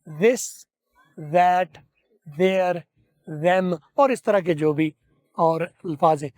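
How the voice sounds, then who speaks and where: A man from Pakistan teaching English pronunciation in a spoken lesson. He demonstrates sounds slowly, repeats them, and asks questions that he then answers himself. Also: high voice, darkish tone, no echo. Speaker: accent teacher.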